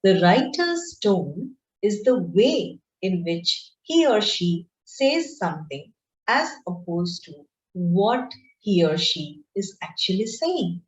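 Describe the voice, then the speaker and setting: A woman lecturer teaching an online class in a slow, deliberate, explanatory way. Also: medium pitch, very animated. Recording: roomy, dull lo-fi screen-share recording.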